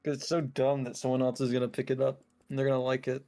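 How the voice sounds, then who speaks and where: A man's voice: mid-range voice, monotone, fast, warm tone, soft background music. A young man in casual chat with a friend, talking in goofy slang banter.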